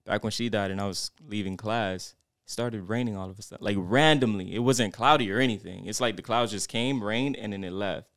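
Low, smooth-voiced young man reflecting. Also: fairly bright tone, no room sound, clean studio sound. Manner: reflective, drawn-out storytelling with many fillers. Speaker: podcast co-host. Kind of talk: casual podcast chat.

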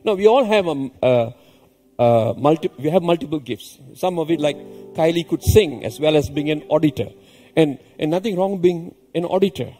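A pastor giving an animated sermon, repeating key phrases with emphatic rises and chuckling between points. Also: male voice, on the high side, normal speed, faint music behind. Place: church hall. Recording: long reverb in a large hall.

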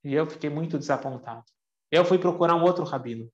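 A man's voice: on the high side, fast talker, a little mellow, lightly acted. Guy doing a tearful young man talking about his grandpa, earnest, echoey muffled audio. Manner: earnest first-person retelling. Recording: echoey room, dull lo-fi sound.

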